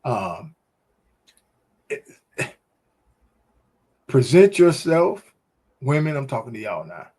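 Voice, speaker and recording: Here a man with a mid-range, slightly dark voice co-hosts a casual faith podcast. Animated and insistent, he tells his stories like a preacher.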